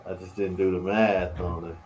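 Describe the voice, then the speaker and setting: Man, casual sports chat, relaxed drawl, lowish pitch, echoey room. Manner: laid-back, drawn-out, trails off with "man". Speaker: podcast co-host. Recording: roomy echo, faint background noise.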